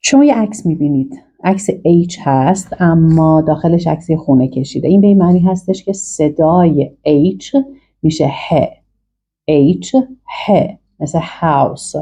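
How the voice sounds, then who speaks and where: A woman with a low, husky voice runs an online English lesson. She explains each step and models short phrases for learners to repeat. Her tone is mellow, and the audio sounds dull and lo-fi. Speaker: English teacher.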